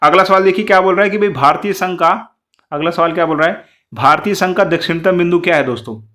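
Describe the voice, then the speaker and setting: Man, rapid lesson, fairly high voice, keeps asking his students questions. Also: sharp tone. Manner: fast, repetitive, keeps asking the class questions. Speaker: teacher. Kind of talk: exam-prep lesson, explaining quiz answers.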